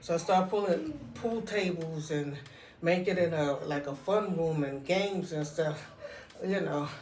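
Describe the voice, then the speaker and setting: A woman's voice: low-pitched, unhurried, a little mellow, a little hiss or hum. A woman telling a casual, rambling personal story in a conversational way, often checking in with the listener. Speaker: vlogger telling personal stories. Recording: echoey room, distant mic.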